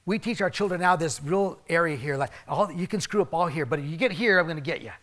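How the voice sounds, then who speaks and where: A middle-aged man preaching a sermon, reading scripture and telling stories, swinging between loud emphasis and quiet asides. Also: a little high, quick pace. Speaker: pastor.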